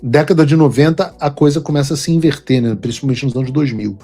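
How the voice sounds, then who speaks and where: A man's voice: medium pitch, fast talker, mellow, soft background music. A man hosting a political commentary show, talking in an emphatic, lecturing way.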